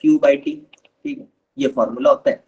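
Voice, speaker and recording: A man's voice: mid-range voice, fairly even intonation, moderate pace, a little mellow, slightly rough, dull audio. A man teaching a live online chemistry lesson, patiently explaining step by step and calling his students kids.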